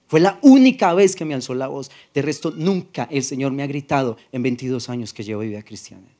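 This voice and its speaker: A man with a Colombian Paisa accent preaching a sermon as pastor, soft-spoken and conversational, acting out little dialogues as he talks. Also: medium pitch, animated, brisk. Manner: soft-spoken, does not shout.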